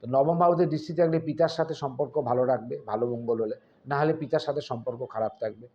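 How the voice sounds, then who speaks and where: A man's voice: mid-range voice, fast, dark tone. A man talking earnestly to his viewers as an astrologer, explaining at length with fillers and restarts. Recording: slightly dull, faintly noisy.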